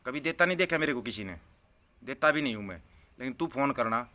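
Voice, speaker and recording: A man with a mid-range, sharp voice talks fast and expressively as he rants angrily at his viewers. He's a political vlogger replying to comments live, scornful and heated, using repeated phrases for emphasis.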